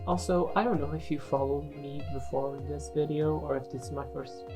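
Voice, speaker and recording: A woman's voice: sits low, fairly even intonation, moderate pace, music in the background. A woman who speaks English as a second language, giving a casual, unscripted voice-over for a gaming video in a hesitant, self-deprecating way. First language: not English.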